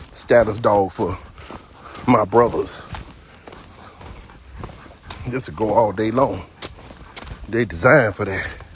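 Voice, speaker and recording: This dog trainer in his fifties has a lowish voice, with a little hiss or hum in the recording. Walking his dog outdoors on a trail, he talks plenty, speaks bluntly, and leans into folksy storytelling.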